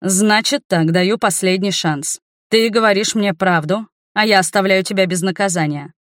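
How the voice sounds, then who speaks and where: A woman voicing a stern, easily flustered middle-aged man who heads a magic academy, talking slowly and in measured phrases. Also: medium pitch, dry recording, studio quality, natural voice.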